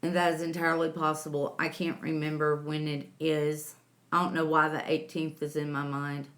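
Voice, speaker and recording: Reading her chat aloud, this livestream host talks in a low, level voice with a fairly bright tone. Her casual, slow, homey manner comes through as she calls viewers sweetie and honey.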